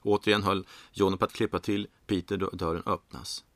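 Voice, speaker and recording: Low gravelly guy reading a funny story, dry matter-of-fact, close dry mic. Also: flat delivery, a bit bright, dry recording. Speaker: narrator. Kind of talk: comic storybook narration.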